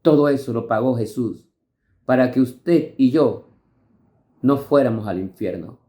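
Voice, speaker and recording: Earnest mellow-voiced pastor preaching. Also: male voice, mid-range voice, expressive, measured pace. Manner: earnest, emphatic preaching with rising stresses. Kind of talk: devotional sermon with scripture reading. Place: church devotional service.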